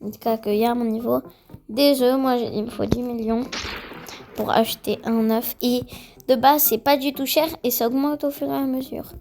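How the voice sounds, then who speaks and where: A woman's voice: a little high, steady tone, moderate pace, gravelly, darkish tone, poor audio. A woman giving casual, rambling gameplay commentary full of fillers, now and then slipping into English words. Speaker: gaming video creator.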